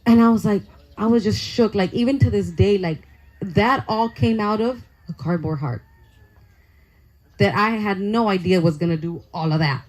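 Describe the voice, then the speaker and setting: A young adult woman, a youth pastor, telling an excitable, chatty testimony sermon to young people and saying "like" a lot. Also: medium pitch, moderate pace, rough recording. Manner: excitable, chatty storytelling full of "like".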